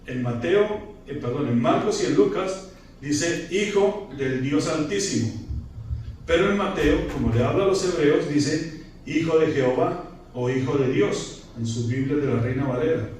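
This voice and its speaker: A male preacher gives an explanatory sermon, pausing to check in with his listeners. His fairly high voice carries through a very reverberant church hall, picked up from a distant mic with faint background noise. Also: expressive, a little mellow. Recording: very echoey room from a distant mic.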